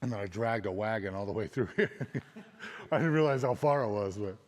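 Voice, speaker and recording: A man's voice: lowish voice, lively intonation, brisk. A man talking casually as an outdoor adventure vlogger. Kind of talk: casual vlog talk. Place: abandoned concrete missile site. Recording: long hall reverb, faint noise.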